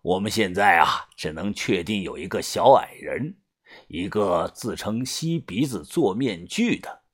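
A man doing a grave, husky old gang boss. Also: lively intonation, exaggerated voice. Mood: exasperated. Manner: low, slow, hushed and deliberate. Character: weary older male gang boss, grave.

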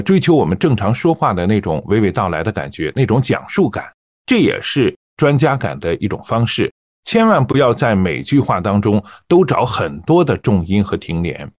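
Calm male reading coach, dry studio voice. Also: on the low side, no echo. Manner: calm, measured explaining with light fillers. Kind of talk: teaching on-air reading technique.

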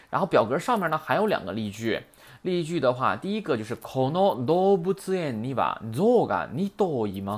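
A man's voice: mid-range voice, a bit bright. A man teaching Japanese grammar in a chatty lecture, often asking rhetorical questions. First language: Mandarin.

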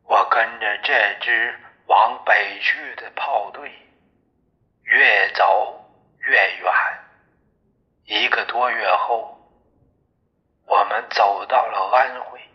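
A man narrating a novel in the first person, in a measured storytelling manner. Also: fairly low pitch, highs cut off. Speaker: audiobook narrator.

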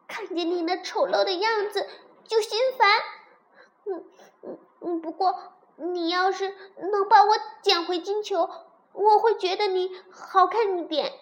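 A woman's voice: very high voice, fairly even intonation, unhurried, lo-fi sound, voice pushed up. A woman voicing a spoiled, haughty little princess in a storybook, petulant and disdainful.

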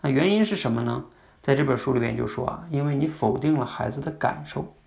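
Host, male, young adult, gravelly, mid-pitched, chatty teaching tone. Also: fast talker, a little mellow. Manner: conversational, asks listeners questions. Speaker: podcast host. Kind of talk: instructive monologue.

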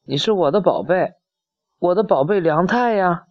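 A woman voicing a gentle, protective mother dinosaur in a picture book. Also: fairly low pitch, animated, normal speed, highs cut off, lightly acted. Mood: tender.

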